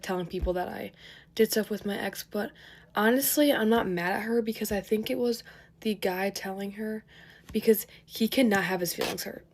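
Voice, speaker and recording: A young woman in a storytime vlog, animated, laughing and swearing through a rant. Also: mid-range voice, a little hiss or hum.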